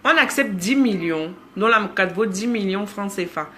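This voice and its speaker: A woman's voice: mid-range voice, expressive, normal speed, fairly bright tone, slight background noise. A woman in her thirties with a Cameroonian accent, chatting casually on a live stream, greeting viewers by name and teasing them. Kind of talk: casual live-stream chat reading comments.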